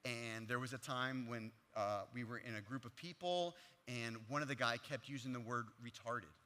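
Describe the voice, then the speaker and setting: Bright-voiced male pastor in a reverberant hall. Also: mid-range voice, moderate pace. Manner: earnest, plain-spoken, animated, with conversational fillers. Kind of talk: conversational sermon. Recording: long reverb of a large hall.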